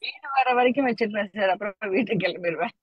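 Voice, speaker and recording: High-voiced chatty man on a dry call. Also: fast, breathy edge, no room sound, lo-fi sound. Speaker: participant. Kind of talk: casual group chat.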